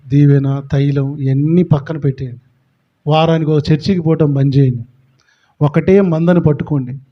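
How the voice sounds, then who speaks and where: A man's voice: a little high, highs cut off. A man preaching a sermon as a pastor, emphatic, with frequent rhetorical questions.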